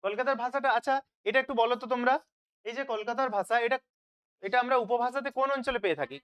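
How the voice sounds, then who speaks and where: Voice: mid-range voice, fast, a bit bright, clear, resonant tone. A teacher leading an online revision class, asking questions and then answering them, checking again and again that students follow.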